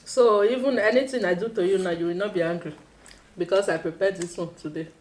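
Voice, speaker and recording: A woman's voice: lowish voice, a little fast, a little mellow. A woman with a Nigerian accent in casual, playful banter with her spouse, talking while she eats. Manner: giggly, playful; talks while eating. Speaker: mukbang vlogger playing a prank on husband.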